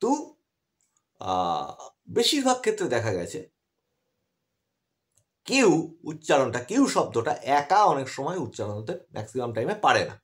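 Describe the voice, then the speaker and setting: A man's voice: mid-range voice, wildly swooping pitch, moderate pace, long pauses. A man teaching English grammar in an online class, explaining patiently and asking his students questions as he goes.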